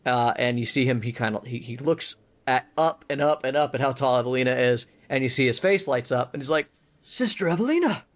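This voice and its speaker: A man's voice: medium pitch, steady tone, a little fast. A man narrating a tabletop game as game master, casual and full of self-corrections.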